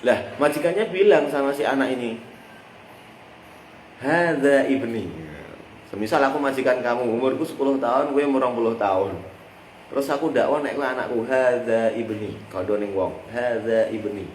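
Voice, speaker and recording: In an echoey room with a little background noise, a man leads a lesson on a classical Islamic text. He has a Javanese accent and a medium-pitched voice at normal speed. He explains through everyday examples and draws listeners into finishing his lines.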